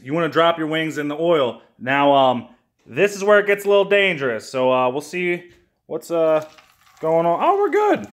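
A hungover young man in his twenties films a comedic cooking video in his home kitchen, holding his phone at arm's length. His medium-pitched voice delivers crude deadpan jokes, and he swears freely.

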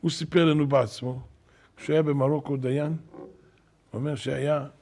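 Gravelly husky older rabbi telling stories. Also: male voice, fairly high pitch. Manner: animated storyteller, acting out quoted shouts. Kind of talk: storytelling sermon. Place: synagogue.

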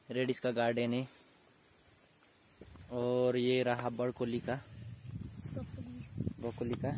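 A man's voice: medium pitch, background noise. A young man giving a casual walking tour of his hillside vegetable farm, plainly pointing things out one by one while filming on a phone held at arm's length outdoors. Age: young adult. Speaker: farm vlogger.

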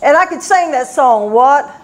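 A woman's voice: high-pitched, animated, a little slow. An older woman giving a folksy sermon, telling family stories and laughing often. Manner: folksy storytelling with frequent laughs. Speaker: church speaker.

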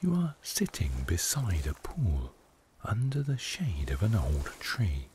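Male meditation guide, deep-ish voice, very unhurried, gentle hushed and whispery narration. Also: huge pitch swings, slight background noise. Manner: soft, hushed delivery, often slipping into a whisper.

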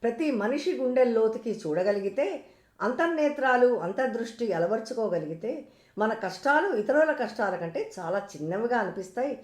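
A woman voicing a wise elderly male saint who gently consoles and teaches his devotees. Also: a little high, lively intonation, moderate pace, close to an everyday voice. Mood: gentle. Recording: roomy echo.

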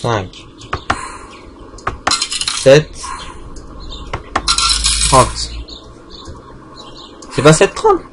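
A man's voice: medium pitch, huge pitch swings, extremely slow, pauses often, noisy background. A man giving casual, joking commentary while playing a game, talking back to in-game characters and swearing often. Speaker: gaming channel host.

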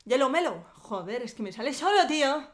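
A woman's voice: high-pitched, very animated, fairly quick. A young woman from Spain with a Spanish accent, joking and swearing casually as she answers viewer questions in a vlog. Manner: joking, swears often, jumps between silly voices. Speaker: YouTuber.

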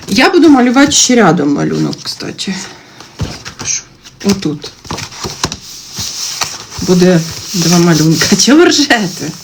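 A TikTok livestream host in her thirties draws while chatting casually on a phone stream from home. She swears constantly and rants in exasperation, her darkish voice jumping to sudden high-pitched outbursts when she gets worked up. Faint background noise and clicks are audible.

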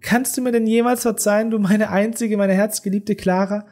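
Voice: mid-range voice, fairly even intonation, moderate pace, a little mellow, pitched above the performer's own voice, natural voice. A narrator voicing a passionate, remorseful young man in a classic audiobook, speaking in an imploring tone. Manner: imploring, emotional. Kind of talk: audiobook character reading.

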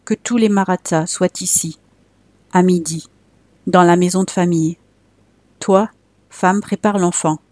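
A woman's voice: lowish voice, steady tone, a little slow, pauses often, darkish tone, dry recording, close to an everyday voice. A woman reading a grim, commanding father.

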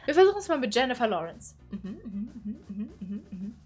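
A woman's voice: a little high, big pitch swings, fairly quick, a little mellow, slightly rough, faint music behind. A woman of twenty-one, chatty and playful, commenting casually from a small bedroom into a condenser mic. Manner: chatty, playful, exclaims and giggles. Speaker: YouTuber. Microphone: studio condenser mic on boom arm.

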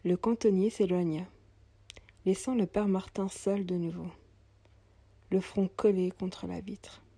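A woman narrating a storybook tale calmly and softly, at times almost in a whisper. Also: mid-range voice, measured pace, breathy edge, no echo. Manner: calm, soft, at times near a whisper.

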